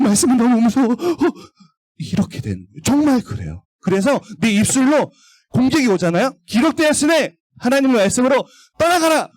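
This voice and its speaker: A man preaching to small children in a high, bouncy voice that leaps all over the scale. He keeps asking questions and has the kids read with him. The sound is close and dry, with no room echo. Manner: animated, asks the children questions and has them read along. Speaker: children's pastor. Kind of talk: children's sermon. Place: church service for young children.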